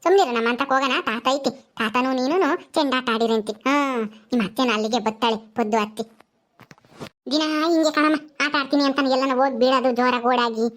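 A woman's voice: high-pitched, fast talker, a bit bright. An older woman, talking casually in a home vlog, soothing and scolding a crying grandchild. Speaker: grandmother comforting a child.

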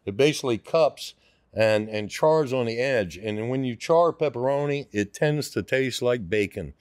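A man's voice: mid-range voice, expressive, moderate pace, dry recording. A man in his sixties, a restaurant owner, talking casually in an interview with many fillers and restarts, into a studio microphone. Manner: rambling, hesitant with many fillers. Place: podcast studio. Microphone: studio mic on boom arm.

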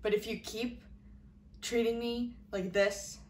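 Slow, indignant young woman acted out in echoey room. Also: a little high, steady tone. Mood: indignant, fed up. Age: young adult. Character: hurt, indignant young woman confronting someone who belittles her. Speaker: actor performing a monologue. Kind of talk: dramatic monologue. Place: small indoor room before a curtain. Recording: echoey room, faint background hiss.

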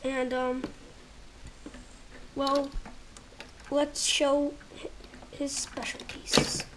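With a high, fairly bright voice and a completely flat delivery, a woman reviews toys at home, halting as she searches for words. She sometimes sinks to a near whisper while handling pieces, and the close handheld camera catches slight background noise.

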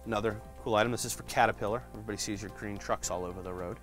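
A man's voice: on the low side, rapid-fire, soft background music. A man giving a casual tour of a print shop's department, explaining products with frequent fillers. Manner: relaxed, frequent "uh" fillers, explains while flipping through shirts. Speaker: print shop department guide. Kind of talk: casual walkthrough showing products.

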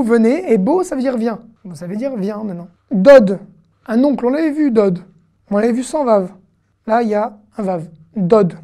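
A woman teaching an online reading lesson, patiently repeating syllables slowly with casual fillers. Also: medium pitch, dark tone. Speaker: Hebrew teacher.

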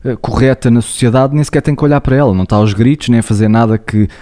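A young man with a European Portuguese accent speaks in a warm, mid-range voice at a racing pace. He's a psychologist co-hosting a casual podcast, earnestly explaining ideas and addressing listeners directly.

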